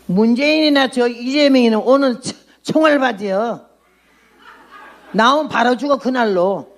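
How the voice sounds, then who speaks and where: A woman's voice: a little high, measured pace. An outspoken woman in her eighties preaching a testimony sermon as a missionary, blunt and emphatic. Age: 80s.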